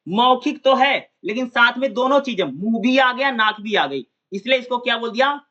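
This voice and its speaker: A man runs an exam-prep lesson in a high, bright voice. He keeps circling back to the same points and fires rhetorical questions at his students. The recording sounds dull and lo-fi. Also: animated, moderate pace. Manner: repetitive, quizzes listeners with questions. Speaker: exam tutor.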